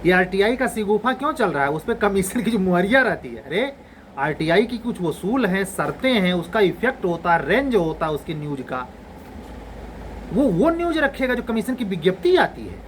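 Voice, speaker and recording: A man's voice: high voice, sing-song, normal speed, slight background noise, low-quality recording. Blunt, exasperated man lecturing students. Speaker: exam coaching teacher. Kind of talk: scolding lecture to exam aspirants.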